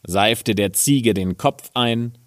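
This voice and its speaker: Man, storyteller, fairy tale reading, low voice, deliberate. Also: dry recording, studio quality.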